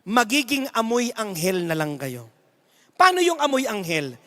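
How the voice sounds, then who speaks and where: A man's voice: high voice, very animated, a little slow, fairly bright tone. A Filipino man giving a humorous sermon as a lay preacher, telling stories and acting out the people in them. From Philippines. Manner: storytelling with jokes and acted-out quotes. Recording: long hall reverb.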